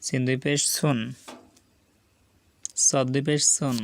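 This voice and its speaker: A man with a Bangladeshi Bengali accent teaching Quran reading. He spells out syllables slowly and deliberately, and asks the viewers to repeat after him. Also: medium pitch, little pitch movement. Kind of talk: slow spelled-out recitation lesson.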